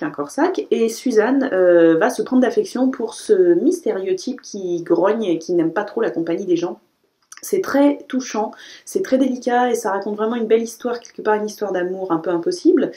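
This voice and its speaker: A woman chatting casually as she reviews a haul of new books, correcting herself often and filling pauses with "euh". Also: mid-range voice, mellow. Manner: chatty, self-correcting, frequent "euh" fillers. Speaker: book vlogger.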